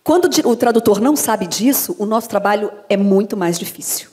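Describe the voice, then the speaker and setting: A woman with a Brazilian accent, a voice actress and dubbing director, giving a lively talk to an audience and acting out anecdotes as she goes. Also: medium pitch, fairly quick. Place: lecture hall. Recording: long reverb of a hall.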